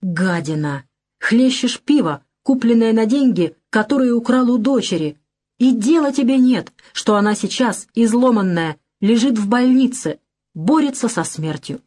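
A woman's voice: fairly high pitch, animated, moderate pace, a little mellow. A woman voicing a young man who hurls hateful accusations at a drunk. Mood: bitter.

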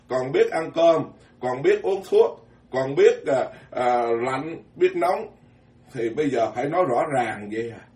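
A man giving a folksy, animated Dharma talk as a Buddhist monk, joking and repeating words as he goes. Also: mid-range voice. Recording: echoey hall from far off.

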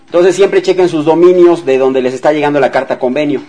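A man's voice: on the high side, a little fast, dark tone. A man hosts a radio advice show about debt. He talks in a casual, chatty way, speaks directly to his listeners and now and then acts out what they might say. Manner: conversational, addresses listeners directly, acts out example dialogues.

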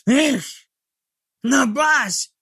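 Scared little goblin runner, super high squeaky hoarse voice, all out of breath. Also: male voice, expressive, extremely slow, pushed and bright, no room sound, clean studio sound, heavily acted. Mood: panicked. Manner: breathless, pleading. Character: panting wounded male goblin messenger, frightened.

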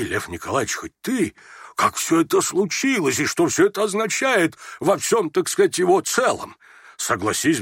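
A man's voice: mid-range voice, creaky, a bit bright, breathy edge, no echo, studio quality, exaggerated voice. A man voicing a flustered, stammering old general. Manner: fussy, stammering, exclaiming. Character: flustered, bewildered older general father.

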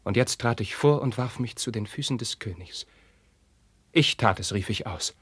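An actor playing a young prince torn by forbidden love, declaiming classical verse with passion and dropping into hushed whispers. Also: male voice, fairly low pitch, moderate pace, slightly rough, no room sound. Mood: impassioned. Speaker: actor in a radio play. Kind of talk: classical verse radio drama.

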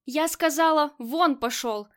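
A woman reading as a hard, cold-blooded female gang boss who talks in curt, commanding lines, her voice high. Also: a little slow. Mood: furious.

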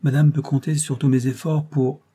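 A man's voice: on the high side, level tone, moderate pace, mellow, slightly rough, voice pushed up. A man reading an audiobook, voicing a fussy, eager middle-aged asylum director who talks in an obliging, chatty way.

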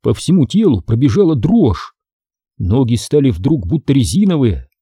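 Dark, husky male narrator. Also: mid-range voice, sing-song, moderate pace, dry recording, studio quality. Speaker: audiobook narrator. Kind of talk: scripted audiobook narration.

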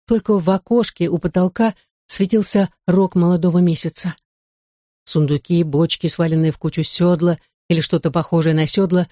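An audiobook narrator reading a historical adventure novel in a measured storytelling manner. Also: mid-range voice, mellow, dry recording, studio quality. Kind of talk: literary narration.

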